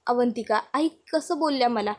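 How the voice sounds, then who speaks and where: Earnest young daughter-in-law, pleading tone, high voice, read by a woman. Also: moderate pace, darkish tone, natural voice. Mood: sad. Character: tearful young daughter-in-law searching for her mother.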